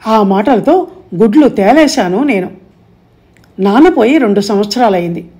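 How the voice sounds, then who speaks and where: A woman narrating an audiobook story in a steady, measured way. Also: medium pitch, slightly rough.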